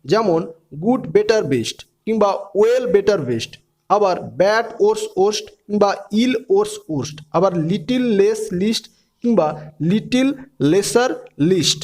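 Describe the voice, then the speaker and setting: A man's voice: sits high, lively intonation, normal speed, darkish tone. A man teaching English grammar, explaining step by step and spelling words out letter by letter.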